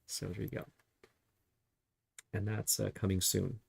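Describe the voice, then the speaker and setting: Browsing listings for a casual market review, a male real estate agent chats along and keeps asking rhetorical questions. His voice is deeply gravelly, husky and fairly low with a darkish tone, delivered level and unhurried. The recording is dry and close, with no echo or room sound.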